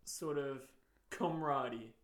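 A man's voice: medium pitch, moderate pace, fairly bright tone. Rambling man in an echoey room. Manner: rambling, full of likes and sort-ofs. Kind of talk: casual film chat. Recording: roomy echo.

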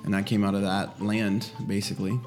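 A man's voice: lowish voice, little pitch movement, a little fast, darkish tone, faint music behind. A man co-hosting a casual podcast, laid-back, mostly giving short replies and dry jokes. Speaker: podcast co-host.

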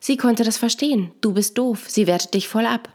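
A woman's voice: on the high side, a little fast, darkish tone, voice pushed up, close to an everyday voice. A woman reading the lines of a cutting inner ego voice that scolds and belittles, in a scripted narration. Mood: belittling.

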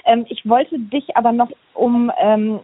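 Woman host on a low-quality phone line. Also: fairly even intonation, breathy edge. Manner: chatty, rapid asking with fillers. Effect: low-quality phone-line sound. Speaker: podcast host. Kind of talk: remote podcast interview.

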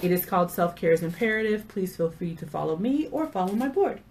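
A woman's voice: on the low side, lively intonation, brisk, a little mellow, slight background noise. A middle-aged woman hosting a casual chat, telling stories with sassy asides. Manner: chatty storyteller, sassy asides. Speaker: podcast host.

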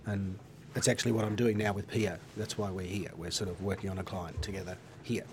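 An Australian man, an advertising creative director, answering interview questions in a relaxed, dryly humorous way. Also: low-pitched, fairly quick, background noise. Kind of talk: casual interview chat.

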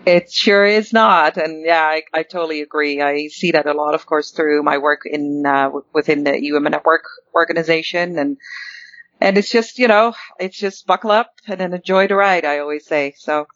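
A woman's voice: sits low, moderate pace, a bit bright, no echo, lo-fi sound. A woman in her fifties from the Netherlands, a guest in a casual interview, talking in a rambling way with many ums and restarts. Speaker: guest, networking chapter director.

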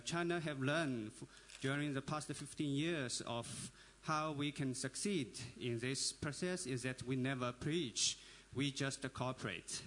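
A man making a long comment from the floor at a panel, halting and full of filler sounds. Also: mid-range voice, a bit bright. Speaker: audience member at a panel.

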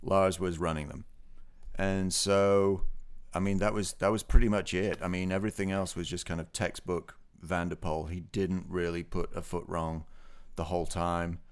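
A man co-hosting a podcast, giving a relaxed, rambling race report full of fillers. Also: sits low, normal speed, smooth. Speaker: podcast co-host. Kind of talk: casual podcast chat.

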